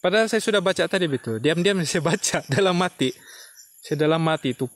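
A man vlogging a ghost hunt outdoors at night. He talks excitedly to his viewers and sometimes drops to a hushed murmur. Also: fairly high pitch, a little fast. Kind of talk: night exploration vlog.

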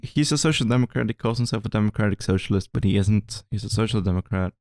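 A man's voice: fairly low pitch, fast talker, darkish tone, no room sound. A man co-hosting a podcast, talking politics in a casual, hesitant way with dry jokes. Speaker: podcast co-host.

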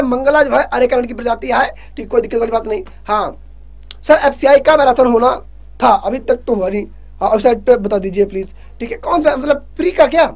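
Running a live online revision class, a male exam prep teacher with a very high voice keeps pushing students to answer fast and scolds them jokingly. He reads the English questions out slowly and explains them in Hindi.

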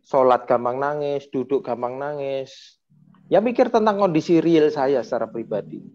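A man's voice: mid-range voice, normal speed. A man, telling a story with feeling on a panel talk. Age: 40s. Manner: emotional, animated storytelling with acted quotes. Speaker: panel speaker, former regent. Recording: dull lo-fi sound.

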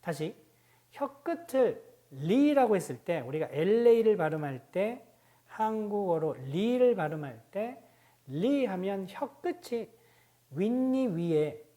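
A middle-aged woman teaching a pronunciation lesson, explaining step by step and repeating example words slowly. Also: mid-range voice, sing-song, dark tone. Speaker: language teacher, book author.

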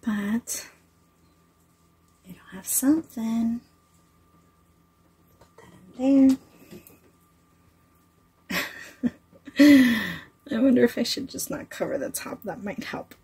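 A woman's voice: a little high, slow pace, long pauses, dark tone, breathy edge, low-quality recording. A woman chatting casually while cooking in a small trailer kitchen, laughing often as she works. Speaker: cooking vlogger. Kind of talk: casual cooking chat to camera. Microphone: phone-plugged mic near the counter.

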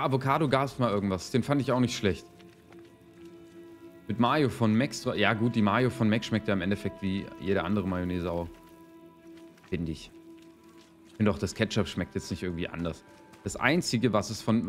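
A man's voice: on the low side, moderate pace, long pauses. A man giving casual gaming commentary as he plays, rambling in slangy, sweary language. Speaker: let's player. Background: game music.

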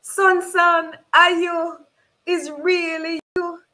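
A woman voicing a desperate middle-aged woman, calling out in high, pleading cries. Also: level tone, fairly quick.

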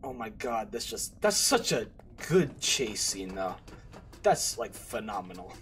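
A man's voice: fairly low pitch, big pitch swings, a little slow, fairly bright tone. A young man hosting a horror game let's play, chatting casually, swearing and getting scared. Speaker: gaming channel host. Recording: game music playing under the voice.

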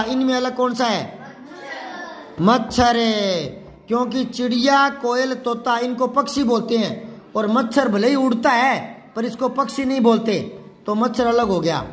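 A man teaching a children's class, patiently going through worksheet questions, asking the pupils and answering himself. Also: very high voice. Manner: spells out words syllable by syllable. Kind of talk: classroom lesson explaining a worksheet.

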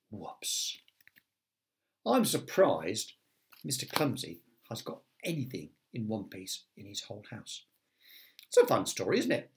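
A man who teaches primary school, reading a children's story aloud with chatty asides to the young listeners. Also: lowish voice.

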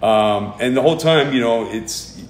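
A middle-aged man, a grieving father, recounting events in an interview, rushing and agitated, acting out what others said. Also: medium pitch. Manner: fast, agitated storytelling, acting out quotes. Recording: roomy recording with faint background ambience.

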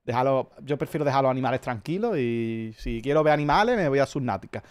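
A man's voice: medium pitch, expressive, quick pace, clear, resonant tone. A man with an accent from Spain, chatting casually as a streamer, telling rambling stories full of swearing. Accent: Spanish from Spain. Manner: profane, rambling storyteller. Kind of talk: casual chat.

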